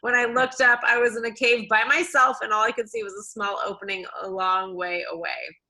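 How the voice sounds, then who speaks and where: Woman co-host, bright crisp voice, reads aloud with quips. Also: mid-range voice, steady tone, a little fast, low-quality recording. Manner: chatty, adds asides while reading. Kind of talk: reading a submission aloud with comments.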